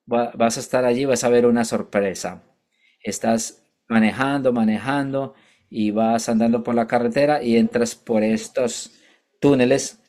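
A male preacher shares his conversion story in a sermon at a medium, ordinary pitch. He talks haltingly, often breaking off and correcting himself mid-word. He keeps turning to his listeners with asides. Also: dark tone. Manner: halting, with frequent restarts and self-corrections; addresses listeners directly with asides. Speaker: preacher giving his testimony. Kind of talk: sermon with personal testimony.

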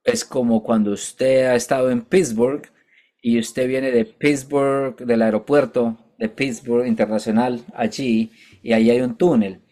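Halting male preacher telling his testimony. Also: mid-range voice, steady tone, warm tone. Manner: halting, with frequent restarts and self-corrections; addresses listeners directly with asides. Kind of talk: sermon with personal testimony.

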